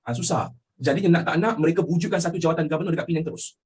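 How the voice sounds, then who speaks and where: A young Malaysian man teaching history with a Malaysian accent, animated and constantly asking his students questions. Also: on the high side, racing, slightly rough. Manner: animated, asks students questions constantly, mixes in English phrases. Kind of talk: lively classroom lecture.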